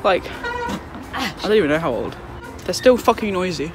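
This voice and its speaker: Over music, a young vlogger talks into her handheld phone outdoors in a town park, breathless and chatty, swearing and laughing frequently. She has a fairly low, expressive voice and keeps a moderate pace.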